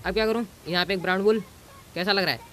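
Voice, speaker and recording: A man's voice: sits high, fast, a bit bright. A man giving casual gameplay commentary as a gaming YouTuber, bossy and teasing, throwing in English exclamations.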